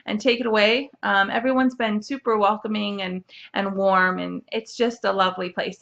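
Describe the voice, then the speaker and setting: A woman's voice: on the high side, gravelly, sharp tone, muffled recording. A young woman hosting a casual knitting podcast, chatty and bubbly, with lots of fillers and restarts. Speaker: podcast host. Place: home, seated at a computer.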